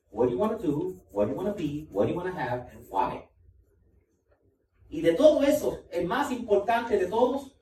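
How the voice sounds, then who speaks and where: A man preaches a sermon with a mellow, darker tone, pressing his points and repeating them to the congregation. He sounds a bit off from the mic, and the room gives back a clear echo with faint noise behind him. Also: sits high, distant mic. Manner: emphatic, repeats key points, talks directly to the congregation. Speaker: pastor.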